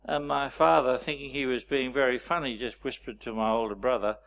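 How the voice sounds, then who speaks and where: A man leading a storytelling workshop, teaching with wry anecdotes and frequent pauses. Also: mid-range voice, fairly even intonation, gravelly, fairly bright tone. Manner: anecdotal, wry, pausing often. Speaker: workshop presenter.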